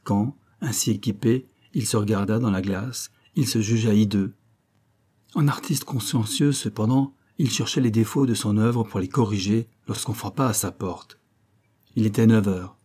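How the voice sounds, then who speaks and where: Dark-voiced male audiobook narrator. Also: fairly low pitch, fairly even intonation, moderate pace, breathy edge. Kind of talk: scripted narration.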